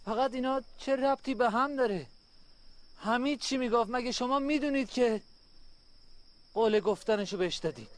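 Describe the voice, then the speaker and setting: Earnest young son, highish voice, questioning, radio drama. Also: male voice, pauses often. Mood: worried. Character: worried young son questioning his father.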